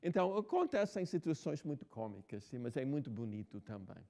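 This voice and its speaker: A man's voice: medium pitch, very animated, a little fast, darkish tone. A man in his sixties with an American English accent, speaking Portuguese as a second language, telling stories in an interview with many restarts and fillers. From United States. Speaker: writer being interviewed. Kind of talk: casual interview talk.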